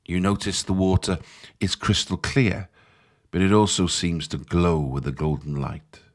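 A deep-voiced man leads listeners through a guided meditation, giving soft instructions in a measured, calming manner. His delivery is flat.

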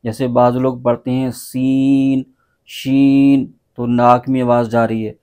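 A Quran teacher, reciting letter names in long drawn-out syllables, then explaining in quick low asides. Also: male voice, little pitch movement, a little mellow, clean tone. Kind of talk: slow recitation lesson.

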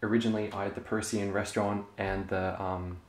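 A man's voice: fairly low pitch, fast talker. Young man chatting through a home tour. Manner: relaxed, chatty, frequent ums. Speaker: LEGO hobby vlogger. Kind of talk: casual show-and-tell. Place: carpeted room at home. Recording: echoey room, faint noise.

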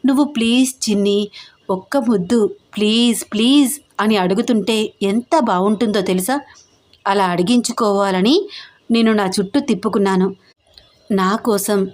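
A woman voicing an affectionate young wife in an audio story, speaking softly and teasingly. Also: medium pitch, lightly acted. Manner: soft, teasing.

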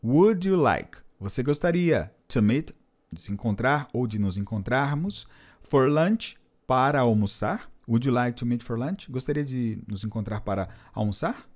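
A man's voice: mid-range voice, lively intonation, a little slow, a little mellow. A man teaching an English lesson, patiently repeating and translating phrases. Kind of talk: explanatory language lesson.

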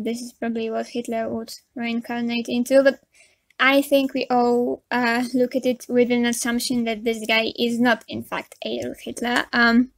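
A young Polish woman with a Polish accent runs a commentary YouTube channel and talks frankly over a drawing video. Her high-ish voice comes through with no room sound, full of fillers and nervous laughter as she chats.

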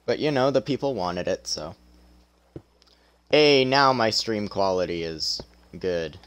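This young adult male streamer has a lowish, clear, resonant voice with lively intonation and a fairly bright tone, and he's unhurried. Though his voice is tired and strained, he keeps up casual, self-deprecating chatter as he plays through a game.

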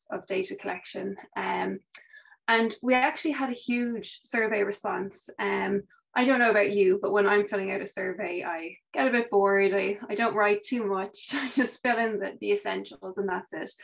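A woman's voice: medium pitch, vocal fry. A middle-aged woman giving an online conference presentation, conversational, with ums. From Ireland. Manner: warm conversational presenting with fillers. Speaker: research and policy manager presenting. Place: home office, indoors. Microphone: video call. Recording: muffled video call audio.

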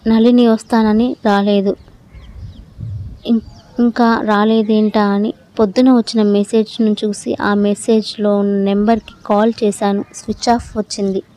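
Female narrator for an audio story: mellow, even, steady first-person reading. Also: medium pitch, unhurried.

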